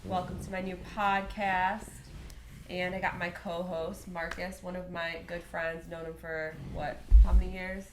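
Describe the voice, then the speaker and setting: A woman's voice: on the low side, flat delivery, measured pace. A woman from Michigan hosting a casual podcast chat, her nose stuffy and nasal from a sinus infection, talking with lots of ums. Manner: chatty, many ums. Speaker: podcast host. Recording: echoey room, faint noise.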